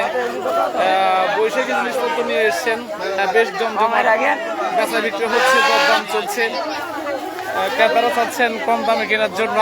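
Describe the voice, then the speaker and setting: A man with a regional Bangladeshi accent from the Chittagong-Sandwip area reports live from an outdoor fair in a halting, repetitive, informal way. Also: high-pitched. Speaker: on-location fair reporter and host. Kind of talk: live street reporting with vox pops. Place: outdoors at a busy village fair. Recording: noisy outdoor crowd, street and vehicle sounds.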